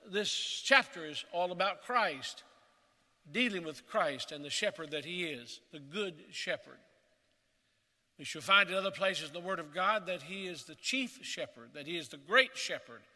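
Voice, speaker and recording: At a pulpit microphone, a male pastor preaches a sermon earnestly and in a measured way, often sinking into a soft, hushed voice. His pitch is fairly high, and the audio carries a big-room sound.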